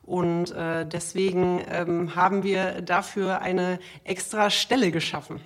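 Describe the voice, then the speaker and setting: A woman answering conversationally as an interview guest, heard over a low-quality audio stream. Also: level tone, unhurried. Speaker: podcast PR specialist, guest.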